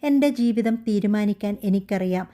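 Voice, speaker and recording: Quiet firm young wife in a storybook, woman reading her lines, mellow tone. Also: medium pitch, normal speed, natural voice. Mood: resolute. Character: young wife, hurt but growing resolute.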